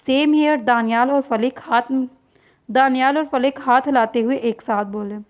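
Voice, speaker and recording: At a normal speed, a high-voiced woman reads aloud from a novel, her scripted narration even and measured, with all the character voices done by her. The audio is muffled and lo-fi, typical of a simple setup at home.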